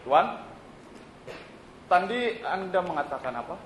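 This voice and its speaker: A man's voice: sits high, big pitch swings, a little slow, slight background noise. An actor playing a cheerful male city official on a theatre stage, breezy and reassuring with a bureaucratic air. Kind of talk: stage play acting. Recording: roomy live stage recording.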